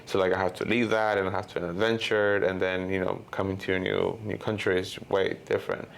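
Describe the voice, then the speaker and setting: A man from Honduras in his thirties, talking as an interview guest. His voice is very low and flat, with a gravelly edge, and he rambles along with plenty of "you know" and "like". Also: brisk. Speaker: guest filmmaker. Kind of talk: casual interview.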